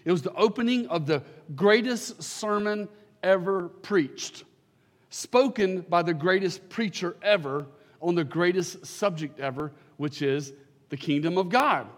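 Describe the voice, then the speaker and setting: A man's voice: sits high, unhurried, in a large hall. A man, a pastor preaching into a pulpit microphone in a church sanctuary, praying and then building to fervent, emphatic declarations. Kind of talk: prayer and sermon.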